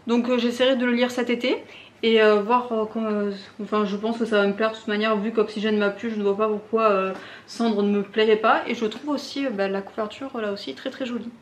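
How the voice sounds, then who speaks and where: A woman's voice: fairly high pitch, steady tone, fairly quick, a little hiss or hum. A young woman vlogging in a casual, chatty way, full of fillers and restarts. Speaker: booktube vlogger. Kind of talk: casual chat to camera.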